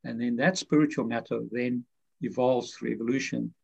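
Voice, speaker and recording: A man's voice: medium pitch, fairly even intonation, normal speed, vocal fry, a little mellow, husky. A man, a guest author, explaining his ideas in a rambling way full of fillers and restarts. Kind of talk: conversational explanation. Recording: muffled lo-fi audio.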